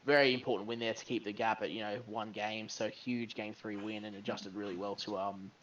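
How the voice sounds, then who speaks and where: A man's voice: on the low side, level tone, a little fast, fairly bright tone, lo-fi sound, slight background noise. Male caster breaking down the plays. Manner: analytical play-by-play. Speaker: esports caster. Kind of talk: live game commentary.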